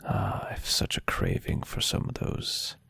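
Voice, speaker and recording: In an intimate ASMR roleplay, a man plays a centuries-old vampire boyfriend who is tender, adoring and playfully teasing. He speaks in a soft, breathy, husky half-whisper with a gravelly creak, murmuring in a soothing, affectionate way. The mood is relaxed and warm, with no room sound.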